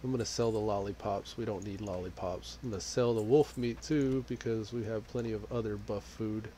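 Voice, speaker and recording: A slightly fast, fairly low-pitched male voice with a touch of hiss or hum. In this casual live stream, the Texas gamer stays relaxed, commenting on his game and reading messages from chat while he plays.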